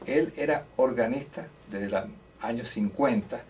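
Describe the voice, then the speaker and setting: An older musician from Córdoba, Colombia, speaks in a mid-range, darkish voice at a measured pace during a relaxed storytelling interview. He shares chatty anecdotes from his musical life, sometimes restarting hesitantly. A distant mic beside a grand piano indoors catches faint room noise.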